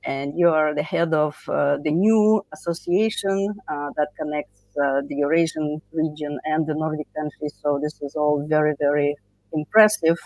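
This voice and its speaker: Low-voiced woman hosting a livestream. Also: steady tone, moderate pace, darkish tone, no room sound. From United States. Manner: chatty, with many fillers and restarts. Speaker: livestream host. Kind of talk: moderating a livestream panel. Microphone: video call.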